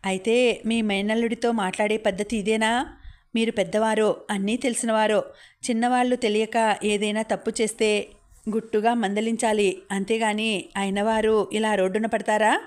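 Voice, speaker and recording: A woman voicing a young man who reasons calmly and soothingly. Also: medium pitch, normal speed, lightly acted. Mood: reasoning.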